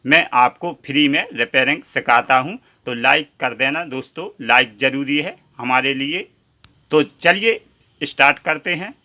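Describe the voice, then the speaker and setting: A man's voice: mid-range voice, moderate pace, sharp tone. A man hosting a step-by-step repair tutorial in speech, chatty and addressing viewers as friends.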